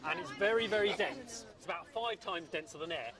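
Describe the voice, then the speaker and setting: A man presenting a science demonstration, explaining it lively and quizzing his audience. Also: high-pitched, a little fast, distant mic, crowd noise.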